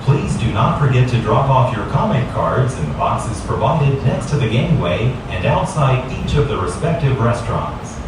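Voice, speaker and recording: A man making a formal final-call announcement over a cruise ship's intercom, speaking in a measured, clearly enunciated way. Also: mid-range voice, very animated, noisy background. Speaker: ship announcer. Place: aboard a cruise ship, heard through a loudspeaker. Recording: echoey loudspeaker heard from far off.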